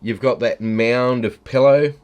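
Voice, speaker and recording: A man's voice: medium pitch, steady tone, a little slow, darkish tone. A middle-aged man, bantering in an easygoing, encouraging way. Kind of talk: casual chat.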